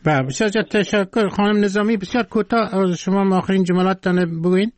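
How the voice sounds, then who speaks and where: A man hosting a radio call-in show, courteous and brisk as he thanks his guests. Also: high-pitched, steady tone, darkish tone, no room sound. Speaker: radio host.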